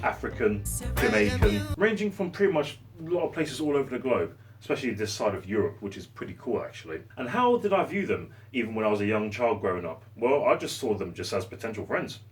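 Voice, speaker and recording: Low-voiced man, lively swooping pitch, passionate ranting, mic a bit far off. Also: fairly quick, soft background music. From London. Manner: passionate, rambling, sarcastic. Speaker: vlogger. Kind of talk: opinion rant to camera. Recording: voice set back from the mic.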